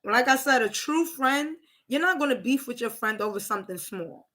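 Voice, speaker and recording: A woman's voice: a little high, animated, normal speed, bright, forceful tone. A woman hosting a livestream, ranting casually and profanely to her viewers, emphatic and repetitive. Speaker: livestream host. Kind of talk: casual rant to live viewers.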